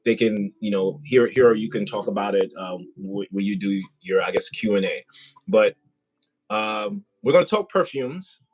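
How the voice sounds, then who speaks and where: A man's voice: fairly low pitch, moderate pace, breathy edge, faint music behind, low-quality recording. A man hosting a casual live interview, chatty and rambling with many fillers. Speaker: host. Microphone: compact wireless mic.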